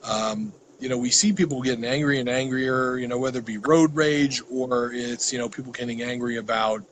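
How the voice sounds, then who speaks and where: A middle-aged man hosting a casual vlog chat in a voice of middle pitch. He talks hesitantly and leans on fillers, with a teasing edge. A faint noise sits behind the recording. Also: fairly even intonation, brisk, low-quality recording. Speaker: host. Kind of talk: casual conversation.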